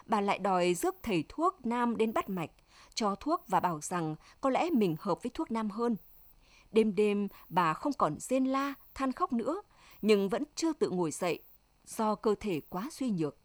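A woman's voice: mid-range voice, sing-song, moderate pace, no echo. A woman narrating a story like an audiobook, reading the characters' lines in her own voice.

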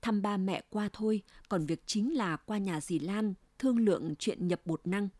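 A woman reading a first-person family story aloud in a steady, confiding way. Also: medium pitch, normal speed, no echo. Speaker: narrator.

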